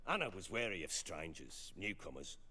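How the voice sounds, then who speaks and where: An actor playing a gruff, wry rural lord in a fantasy video game, speaking bluntly. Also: male voice, low voice, big pitch swings, moderate pace, bright, forceful tone, exaggerated voice. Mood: wry, warning. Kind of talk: scripted video game acting. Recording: game music underneath.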